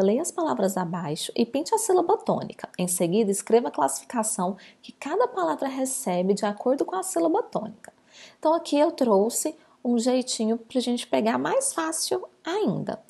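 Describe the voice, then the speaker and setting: Woman teacher, slightly high husky voice, lively sing-song delivery, slow patient syllable drills for kids. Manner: patient, stretches out words syllable by syllable. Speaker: primary school teacher. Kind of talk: recorded remote lesson for children.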